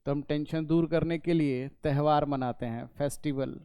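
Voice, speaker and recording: A man's voice: on the high side, steady tone, normal speed, dark tone, smooth, no echo. A man teaching an English class, explaining step by step, repeating points and answering his own questions. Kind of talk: classroom lesson explaining in Hindi.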